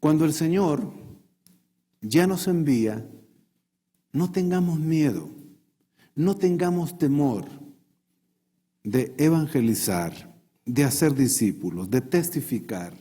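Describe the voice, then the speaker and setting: Brief: male pastor, animated storytelling sermon, mellow and husky tone. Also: a little high, takes it slowly, pauses often. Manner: animated storytelling, acting out voices.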